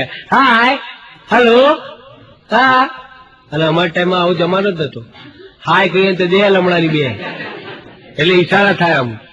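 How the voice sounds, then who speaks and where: A middle-aged man spins comic stories in a high voice, slipping into other people's lines and reciting couplets. The sound is muffled and lo-fi, like a radio broadcast of a live show. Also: fairly bright tone. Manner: jokey anecdotal delivery, acting out dialogue, reciting couplets. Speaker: stand-up comedian. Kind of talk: Gujarati stand-up comedy storytelling.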